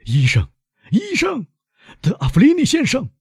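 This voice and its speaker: A man's voice: lowish voice, very animated, unhurried, darkish tone, slightly rough, no room sound, clean studio sound, full character voice. A man voicing a desperate middle-aged prosecutor who cries out in alarm. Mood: panicked. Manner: desperate, crying out.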